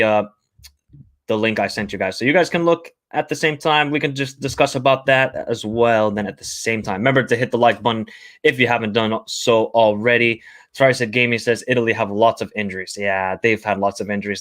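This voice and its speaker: A young man with an American accent, half American and half Finnish and living in Finland, hosts a casual football livestream. He reads viewer comments and gives blunt opinions, chatty and opinionated, often repeating phrases. His voice is mid-range and a bit bright.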